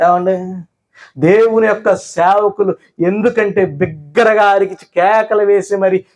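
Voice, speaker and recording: A man preaches a sermon in a strikingly high voice for a man. He speaks loudly and with emphasis, pressing his listeners with rhetorical questions from the pulpit of a church. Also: fairly even intonation, a little slow. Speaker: pastor.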